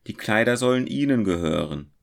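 A man's voice: fairly low pitch, very animated, measured pace, vocal fry, voice pushed up, full character voice. A man voicing a modest, polite young goldsmith in a read-aloud story. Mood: moved. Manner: polite, moved.

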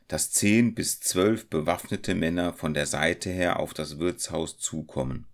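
Slow gravelly male storyteller. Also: deep voice. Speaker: narrator. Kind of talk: reading a story aloud.

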